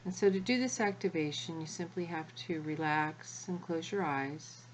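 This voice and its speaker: A woman leading a guided spiritual energy activation as the guide, speaking in a measured way with long pauses between short phrases. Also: sits low, slight background noise, poor audio.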